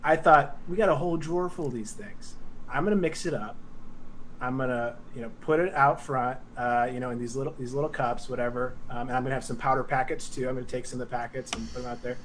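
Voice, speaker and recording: A man from Tanzania telling a story as a podcast guest in an animated way, checking in with listeners as he goes. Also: medium pitch, fast, slight background noise, rough recording.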